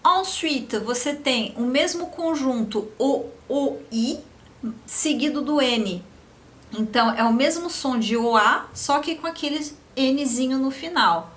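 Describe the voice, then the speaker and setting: A woman teaching a beginner French lesson, slowly repeating each example word for practice. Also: sits high, animated, fairly bright tone.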